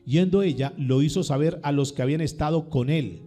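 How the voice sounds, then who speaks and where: A man's voice: on the high side, fairly quick, mellow, faint music behind. A male pastor preaching a sermon, firing questions at his congregation and repeating words for emphasis.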